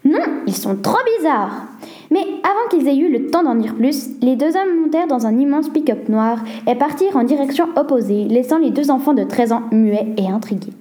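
A woman reading a children's mystery story aloud as a steady, even narrator. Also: high voice, a little fast, hardly any pauses.

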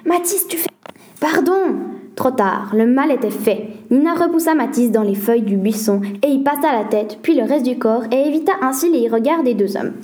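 A woman reading a children's mystery story aloud as a steady, even narrator. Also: fairly high pitch, fairly quick, hardly any pauses.

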